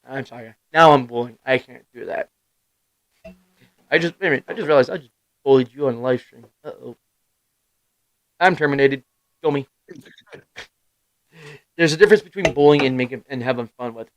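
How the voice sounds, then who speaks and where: A man in his thirties, a live stream host, telling rambling stories in casual chat, swearing freely and laughing at himself, with loud bursts when he gets worked up. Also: mid-range voice, moderate pace, long pauses, dry recording, rough recording. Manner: rambling storyteller with sudden loud outbursts.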